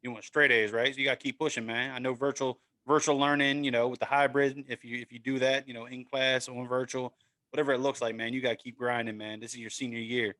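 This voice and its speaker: A man's voice: mid-range voice, flat delivery, quick pace, pushed and bright. A man hosting a casual sports podcast, upbeat and encouraging, often tagging "man" and "right?" onto his sentences. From Maryland, USA. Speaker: podcast host.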